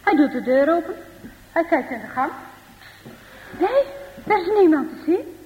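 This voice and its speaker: A woman, likely older, telling a children's Bible-school story in a lively way, voicing the characters and often adding little tag questions. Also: very high voice, unhurried. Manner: lively, with frequent tag questions and voiced dialogue. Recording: dull recording in a reverberant hall.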